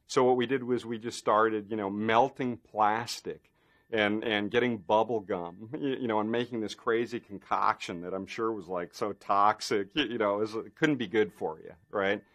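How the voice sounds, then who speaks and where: A special effects artist telling a behind-the-scenes anecdote in a documentary interview, rambling with many fillers and restarts. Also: male voice, fairly low pitch, fairly even intonation, moderate pace, fairly bright tone.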